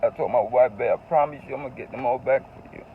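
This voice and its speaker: A man's voice: medium pitch, fast, phone-quality sound, a little hiss or hum. A man telling a personal story in a casual, confessional vlog, earnest and emotional, often repeating phrases for emphasis. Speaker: vlogger.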